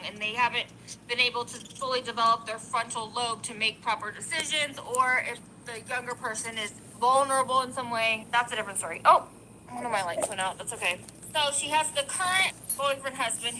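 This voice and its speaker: Bright, high-voiced woman streamer. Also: a little hiss or hum, low-quality recording. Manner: emphatic, opinionated, gets loud when passionate. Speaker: streamer reacting to videos. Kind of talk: live-stream commentary.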